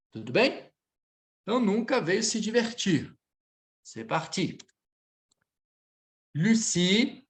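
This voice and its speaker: A man with a Brazilian Portuguese accent teaching French in an online lesson, drilling words slowly and checking in often with his students. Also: high voice.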